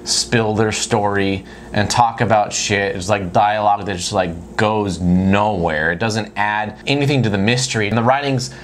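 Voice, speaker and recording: A man's voice: fairly low pitch, steady tone, moderate pace, few pauses, a little hiss or hum. Casual, foul-mouthed man reviewing a film. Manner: profane, blunt, informal. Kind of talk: casual chatty movie review.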